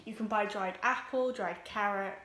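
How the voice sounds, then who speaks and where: A teenage girl, introducing her vlog at home, nervous and quick, with lots of ums. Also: mid-range voice, pushed and bright, echoey room, a little hiss or hum. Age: teens. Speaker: vlogger. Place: home room with pets.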